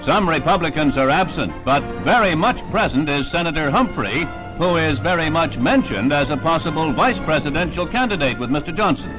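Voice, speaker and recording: A man's voice: a little high, lively intonation, a little fast, low-quality recording. Man narrating an old 1960s newsreel. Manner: formal announcer delivery. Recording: old newsreel voice-over with loud music behind. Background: music.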